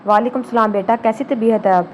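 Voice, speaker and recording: A woman reading the lines of a kind elderly grandfather in a gentle, reassuring way. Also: a little high, steady tone, lo-fi sound, slight background noise, lightly acted.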